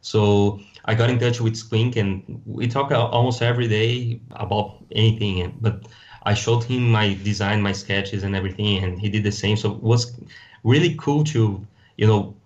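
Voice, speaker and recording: The podcast guest is a Brazilian designer whose Portuguese accent colors his casual, hesitant English, and he frequently restarts words while looking for them during the interview chat. He has a fairly low, darkish voice, heard through lo-fi audio.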